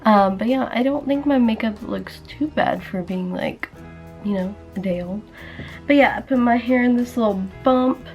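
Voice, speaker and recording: A woman's voice: on the high side, normal speed, muffled recording, soft background music. Young woman, casual vlog chat, chatty, filler-heavy, morning voice, phone recording. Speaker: vlogger. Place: indoors at home, then a hospital.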